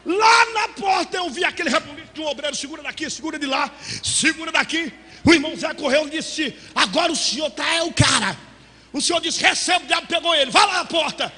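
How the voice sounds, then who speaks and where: High, bright-voiced fervent preaching man. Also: fast talker. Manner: fervent, often shouting. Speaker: pastor. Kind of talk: storytelling sermon. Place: church hall. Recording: echoey church hall reverb.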